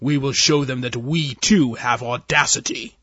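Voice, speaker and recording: A man's voice: medium pitch, unhurried, bright, forceful tone, slightly rough, no echo, lo-fi sound. A man voicing a furious, commanding alien male admiral with eye stalks, growling and blustering in a story reading. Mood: roaring.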